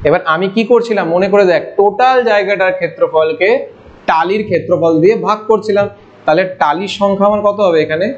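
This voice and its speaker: A man teaching an online maths lesson over slides. He talks informally, asking his students questions and answering them himself. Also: high voice. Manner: informal, addresses students with familiar forms. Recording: dull lo-fi audio.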